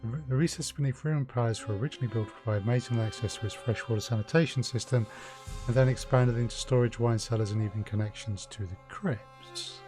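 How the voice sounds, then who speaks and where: A man's voice: medium pitch, quick pace, over music. A man streaming a video game, commenting live and reading dialogue aloud.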